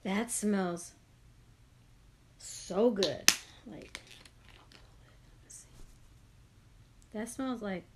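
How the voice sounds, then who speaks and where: A woman's voice: mid-range voice, extremely slow, pauses often, very noisy. A woman vlogger in casual, gushing unboxing chat, full of "like" fillers. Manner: chatty, gushing, lots of "like" fillers.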